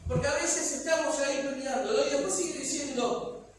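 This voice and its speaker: A man's voice: very high-pitched, brisk. Rioplatense male pastor, sermon in a church hall, echo and audible noise. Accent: Rioplatense Spanish. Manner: preaching with rhetorical questions and voiced quotes. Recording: echoey hall, far from the mic, noisy.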